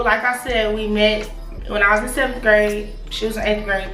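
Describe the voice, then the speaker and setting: A young woman telling a casual, slangy storytime in a confiding, gossipy, animated way, like chatting to her followers. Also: mid-range voice. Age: young adult. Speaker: storytime vlogger. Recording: roomy echo, distant mic, music behind.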